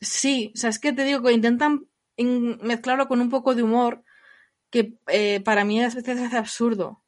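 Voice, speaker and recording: A woman discussing a film in casual conversation, animated and acting out quoted lines. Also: on the high side, moderate pace. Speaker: film podcast co-host.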